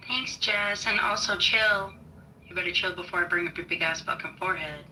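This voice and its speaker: A woman's voice: fairly low pitch, a little fast, bright, forceful tone, a little hiss or hum, poor audio. A woman in her thirties chatting casually and teasing her friends on a group livestream. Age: 30s. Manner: teasing, joking. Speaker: livestream participant.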